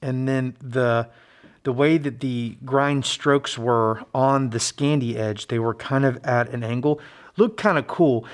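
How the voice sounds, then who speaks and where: A man narrating a casual hands-on build vlog in a halting, low-key, modest way, his voice slightly muffled by a face mask. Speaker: hobbyist knife maker and video host. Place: friend's basement workshop.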